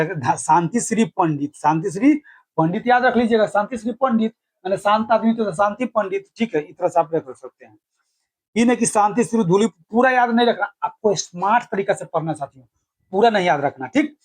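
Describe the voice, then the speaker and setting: A man's voice: high-pitched, a little mellow. A man teaching exam facts through repetitive, playful memory tricks and calling viewers friends. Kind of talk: casual spoken lesson.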